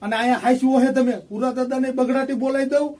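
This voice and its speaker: A man's voice: very high-pitched, little pitch movement, very fast, darkish tone, far from the mic. A man playing a scheming, bossy village plotter in a comedy skit, with a pushy, coaxing way of talking. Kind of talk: amateur comedy film acting.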